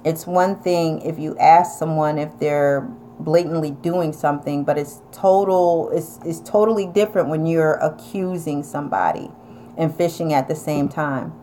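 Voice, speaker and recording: A woman's voice: deep voice, fairly even intonation, moderate pace, mellow, a little hiss or hum. A woman with an upstate New York accent, chatting casually and bluntly as she reads and answers viewer comments. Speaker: vlogger reading viewer comments. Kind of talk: casual advice chat.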